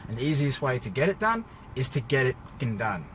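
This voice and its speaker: A man's voice: mid-range voice, sing-song, brisk, a bit bright. An exhausted, drained man giving a casual, rambling personal rant as a fitness vlogger sitting in his car, weary but pushing himself on. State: exhausted, drained after a workout. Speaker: fitness vlogger preparing for a bodybuilding show. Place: inside a car. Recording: noisy car interior, vehicle ambience.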